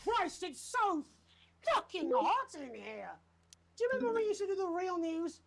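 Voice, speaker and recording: An actor playing a bitter, unhinged TV news anchor in a video game, with a British accent and a commanding, theatrical, sardonic manner. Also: male voice, very high voice, animated, moderate pace, vocal fry, a crowd in the background, full character voice. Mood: exasperated rage. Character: unhinged, bitter male TV news anchor holding studio hostage. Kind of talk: dramatic live-broadcast acting.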